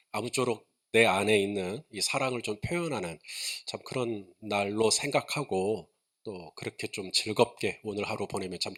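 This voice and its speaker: A man's voice: fairly low pitch, pushed and bright. A man preaching a sermon to his congregation, chatting and asking questions, then building to emphatic points. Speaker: pastor.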